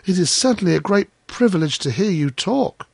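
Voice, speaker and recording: A man's voice: sits high, lively intonation, fairly quick, gravelly, breathy edge, dry recording, voice pushed up, exaggerated voice. A man voicing a shy, timid, naive little man in a storybook, meek and eager to please. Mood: humble, admiring. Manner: meek, deferential. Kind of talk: storybook character voice.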